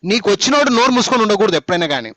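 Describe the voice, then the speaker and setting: A man with a Telugu accent runs a phonics class, firing questions at his students and scolding them with teasing jabs. His voice sits on the high side for a man. It is recorded close and dry, with no room sound. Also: sing-song, very fast, a bit bright, no echo. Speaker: spoken English teacher.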